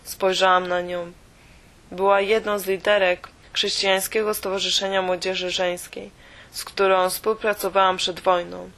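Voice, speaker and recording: A woman reading a first-person audiobook in a steady, measured way. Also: medium pitch. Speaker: audiobook reader.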